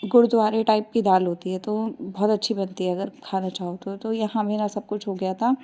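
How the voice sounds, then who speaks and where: A woman's voice: mid-range voice, fairly even intonation, a little fast, mellow. A woman and mother chatting easily through a home vlog from her kitchen. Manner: chatty, easygoing storytelling. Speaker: vlogger and mother. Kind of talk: casual home vlog narration.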